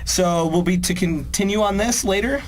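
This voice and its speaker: A man's voice: high-pitched, moderate pace, a little hiss or hum. Chatty young man talking game design. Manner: chatty, acts out player lines. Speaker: game producer co-hosting a dev video series. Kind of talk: casual chat.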